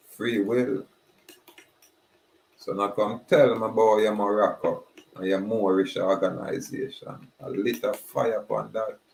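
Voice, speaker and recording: A man giving a slow, emphatic preaching monologue. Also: lowish voice, vocal fry, darkish tone, a little hiss or hum. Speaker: spiritual speaker. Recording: roomy echoey recording.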